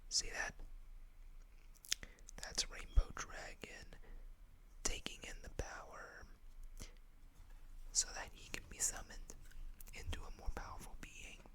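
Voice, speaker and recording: In a breathy whisper, an ASMR host reads card text aloud, slipping in casual asides while keeping everything hushed and deliberate.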